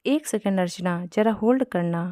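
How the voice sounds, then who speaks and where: A woman's voice: medium pitch, normal speed, warm tone, no room sound, studio quality, close to an everyday voice. A woman voicing a young man in a Hindi storybook reading, firm and slightly irritated. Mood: hurried. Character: young man, polite, annoyed groom-to-be.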